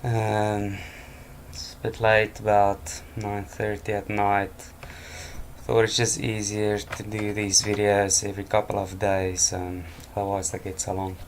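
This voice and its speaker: A man with a fairly low pitch delivers the news completely flat and a little slowly, with slight background noise. He's an exhausted commentator at home, yawning over nighttime headlines while adding offhand remarks and chuckles.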